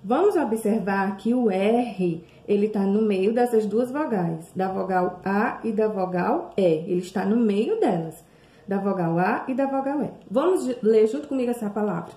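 A Brazilian woman teaching young children, drawing words out slowly and sing-song, with many questions to the class. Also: mid-range voice, lively intonation, mellow. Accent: Brazilian Portuguese. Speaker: primary school teacher. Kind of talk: remote lesson for young children. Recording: echoey room.

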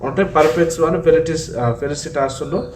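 A pastor tells a story in his sermon, with his voice sitting a little high for a man. He picks up from a mic some distance away, so the room echo rings strongly around him. He often holds a long drawn-out filler between phrases and turns to his listeners as God's children. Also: slight background noise. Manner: retells a martyr story with frequent drawn-out fillers.

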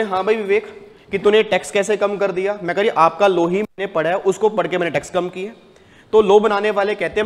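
A man giving a tax lecture to a class, animated, putting questions to the students and answering them himself. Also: high voice, in a large hall.

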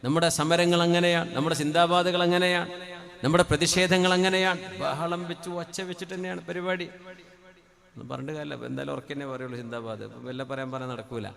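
A man from Kerala preaching a sermon into a microphone, dropping to soft conversational asides and rising to loud, drawn-out chanted Arabic phrases. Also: fairly high pitch, steady tone, gravelly. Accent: Kerala Malayalam. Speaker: Islamic preacher. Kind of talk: Malayalam sermon.

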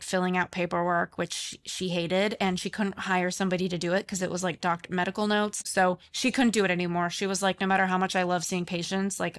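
A woman talking in a loose, conversational way as a podcast guest. Her pitch and pace sit in an ordinary middle range, and her sentences are full of "like" and "um". She sounds easygoing and unscripted. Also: fairly bright tone. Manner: chatty, frequent fillers like "like" and "um". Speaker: guest, speech coach. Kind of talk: conversational interview.

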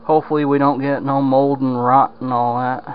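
A man speaks at normal speed in a medium pitch with little pitch movement, casually rambling and drawling with many fillers as he films a damp-basement home repair walkthrough on a handheld camera. The audio is dull and lo-fi, with a little hiss or hum.

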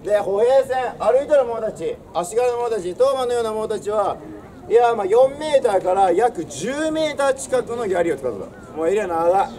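Outdoors at a castle stone wall, a young adult man projects a theatrical history lesson in old samurai speech, swaggering and declamatory like a storyteller. His high-sitting voice has a dark tone, lively intonation and normal speed. He is far from the mic, with crowd, birds and traffic audible.

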